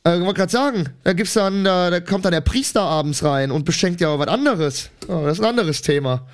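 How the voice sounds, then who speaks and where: A man chats casually as a comedy podcast co-host. His voice is fairly high and swings widely in pitch as he rambles in slangy, crude humour. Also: animated, fairly quick. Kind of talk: casual chat.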